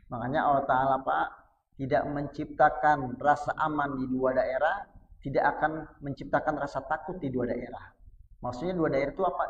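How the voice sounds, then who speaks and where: Male preacher, conversational sermon, bursts from quiet asides to loud high emphasis; roomy, dull distant recording. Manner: conversational, keeps addressing listeners as "Pak". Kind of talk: casual mosque sermon. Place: small prayer hall. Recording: echoey, distant, dull-sounding mic.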